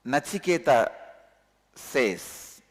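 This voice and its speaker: A man with a thick Tamil Indian accent, a native Tamil speaker, giving a religious discourse as a spiritual teacher, emphatically repeating key words with pauses. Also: mid-range voice, big pitch swings. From Tamil Nadu, India. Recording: long hall reverb.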